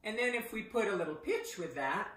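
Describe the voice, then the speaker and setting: A middle-aged woman teaching voice exercises. She breaks into loud vocal sounds to show each exercise. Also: mid-range voice, animated, brisk. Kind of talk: voice exercise lesson. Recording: echoey room.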